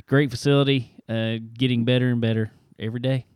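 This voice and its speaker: A man's voice: medium pitch, fairly even intonation, a little fast, a little mellow, smooth, no room sound, clean studio sound. A man hosting a show, talking in a laid-back, joking way. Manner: laid-back, joking, drawling filler words. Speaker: radio show host. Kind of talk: casual chat.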